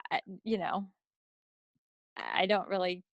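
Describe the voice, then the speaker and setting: Co-hosting a craft podcast, a woman chats casually about projects in easygoing, hesitant phrasing. She speaks slowly in a mid-range voice, recorded at her own end of a remote video call. The audio is dull, with no echo.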